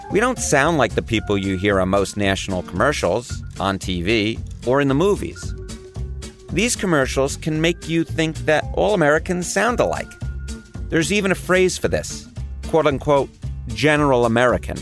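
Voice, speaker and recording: A man with a New York accent, hosting a podcast in scripted narration, telling his story with a lively delivery. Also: normal speed, faint music behind. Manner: lively storytelling delivery with wide pitch swings. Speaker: podcast host.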